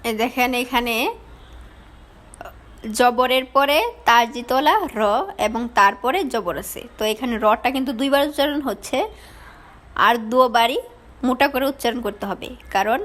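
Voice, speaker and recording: A woman teaching Arabic letter pronunciation, explaining the rules step by step and slowly repeating each sound to demonstrate. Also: fairly high pitch, fairly bright tone. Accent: Bangladeshi Bengali.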